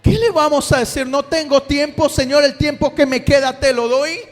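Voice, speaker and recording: A man with a strikingly high voice preaches a sermon in an impassioned way, firing rhetorical questions at his congregation. His voice rings through a long hall reverb while soft music plays underneath. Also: normal speed.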